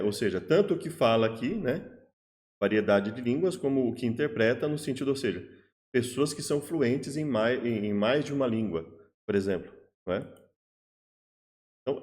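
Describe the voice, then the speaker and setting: A man with a Brazilian Portuguese accent teaches Scripture in an off-the-cuff way. He stumbles, repeats small words and restarts his sentences. He lays out his point step by step with simple examples, at a middling pitch. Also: a little mellow. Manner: hesitant, many restarts and "né?" tags; explains patiently with worked examples. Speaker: Bible teacher. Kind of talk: unscripted Bible study teaching.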